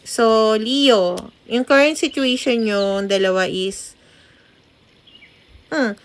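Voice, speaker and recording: A woman's voice: a little high, slow. A young woman giving a casual tarot reading, chatty and full of tag questions, mixing English into her talk. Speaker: tarot reader.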